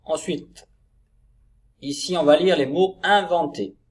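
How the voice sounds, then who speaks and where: A man with a husky, slightly breathy voice leads a reading lesson for small children. He speaks slowly and carefully, drawing out each syllable so young listeners can follow along. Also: on the high side. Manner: slow, clearly articulated, sounding out syllables. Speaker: teacher.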